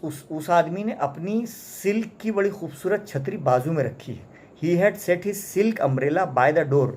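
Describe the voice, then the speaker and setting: Indian teacher explaining a text line by line. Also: male voice, fairly high pitch, darkish tone, slight background noise. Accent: Indian English. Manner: translates line by line, often adds "isn't it?" tags. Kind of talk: classroom lesson explaining a story.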